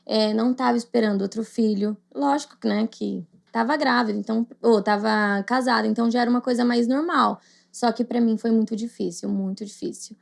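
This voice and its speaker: A woman's voice: a little high, fairly even intonation, a little fast, vocal fry, hardly any pauses. A young woman with a Brazilian Portuguese accent, co-hosting a podcast and telling a personal story in casual chat, acting out the voices she quotes. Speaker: podcast co-host.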